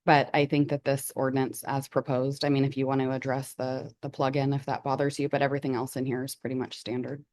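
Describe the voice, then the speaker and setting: A council member losing their voice, clearing their throat while speaking in a measured way at a meeting. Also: medium pitch, completely flat delivery, a little mellow, no room sound. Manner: measured, comparing with past experience. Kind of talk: meeting discussion. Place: council chamber.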